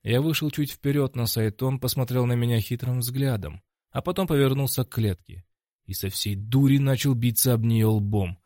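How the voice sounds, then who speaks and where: Casting: male audiobook narrator, mid pitch, dry close recording, steady first-person telling. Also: normal speed, no echo.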